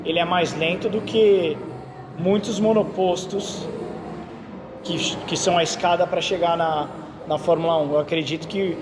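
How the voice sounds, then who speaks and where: Background noise accompanies this Brazilian man, whose voice is on the high side and whose speed is normal. He's a racing driver and instructor telling stories in a relaxed interview, animated and constantly asking "entendeu?" to check in.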